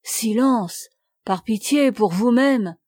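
A woman doing a soft, humble young page boy. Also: medium pitch, a little slow, no room sound, clean studio sound, lightly acted. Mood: ominous warning. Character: clever young serving boy, humble and respectful.

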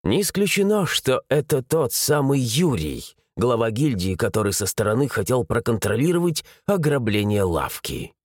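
A man narrating a first-person adventure audiobook in an animated, dramatic reading. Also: medium pitch, moderate pace, few pauses, dry recording, studio quality.

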